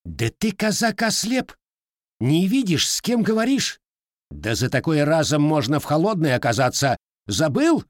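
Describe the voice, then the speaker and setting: A man's voice: a little high, wildly swooping pitch, moderate pace, no room sound, studio quality, voice pushed up. A man voicing an arrogant, hot-tempered male police lieutenant in an audiobook, snapping and indignant.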